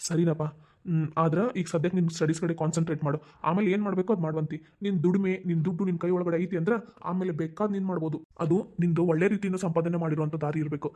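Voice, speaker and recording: A performer voicing a steady middle-aged uncle in a cartoon, with a North Karnataka Kannada accent and a calm, advising manner. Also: medium pitch, racing, lightly acted. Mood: reassuring. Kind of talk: cartoon voice acting.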